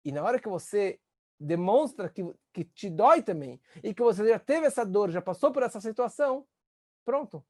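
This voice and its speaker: A man, a rabbi teaching a class on empathy, earnest, and acting out the voices he quotes with sudden rises in pitch. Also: lively intonation, normal speed, darkish tone, no echo, clean studio sound. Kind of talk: spoken lesson on empathy.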